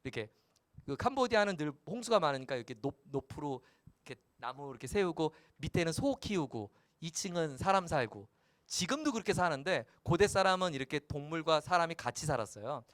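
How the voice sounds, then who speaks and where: A male pastor preaching a sermon in a playful, animated way, slipping into character voices. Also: on the high side, a little fast, dry recording.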